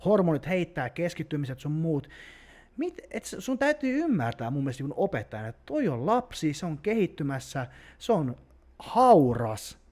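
A man hosting a podcast, chatting casually and swearing heavily as he talks. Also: a little high. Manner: heavy swearing, animated. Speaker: podcast host, bodybuilding coach.

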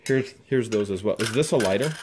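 Male vlog host, casual and chatty, keeps up excited commentary as he unboxes on camera. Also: lowish voice, brisk, noisy background. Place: dusty garage.

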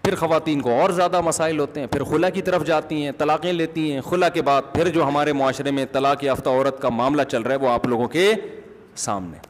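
Man, religious scholar, conversational lecture, fairly high pitch, long reverberant hall. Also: steady tone, fairly quick, a little hiss or hum. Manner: conversational, asks listeners questions.

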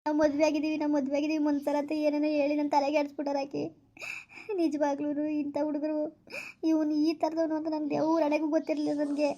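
A woman's voice: high-pitched, completely flat delivery, fast talker, dark tone, highs cut off. A woman playing a desperate young woman who pleads tearfully and keeps repeating herself in a village comedy skit. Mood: pleading, tearful. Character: desperate young woman betrayed by her lover.

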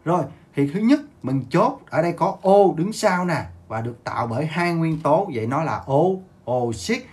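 A man's voice: fairly high pitch, expressive, moderate pace, a little mellow. A male teacher giving a livestreamed exam review lesson, repeating words, quizzing viewers and asking them to like and share. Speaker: online math and chemistry teacher.

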